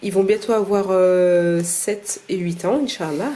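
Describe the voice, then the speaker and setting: A woman's voice: lowish voice, steady tone. Patient mother teaching at home. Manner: patient, gentle teaching, slow explanations; hesitant, halting speech to camera. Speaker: mother homeschooling her children. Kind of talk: casual home-schooling vlog and lesson.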